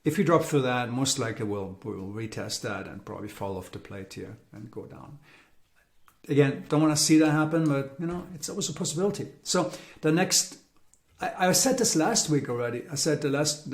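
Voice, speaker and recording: A man's voice: medium pitch, a little fast, roomy sound. A man giving a casual market update, rambling with repeated words and fillers, sounding weary. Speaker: crypto market commentator.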